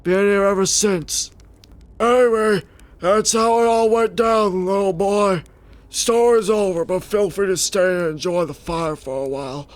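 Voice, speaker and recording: A grizzled old star pilot drawls through his tale in a rough, strained voice, as a man puts him on. The voice sits a little above the usual male register. He talks like a folksy old-timer. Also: sits high, unhurried, no room sound. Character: gruff old male space explorer storyteller.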